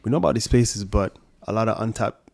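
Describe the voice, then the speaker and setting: A man's voice: lowish voice, fairly quick, creaky, a little mellow. A man, a sommelier guest telling stories in casual, profane chat, often restarting his sentences. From Brooklyn, New York and Jamaica. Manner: loose, profane storytelling with restarts.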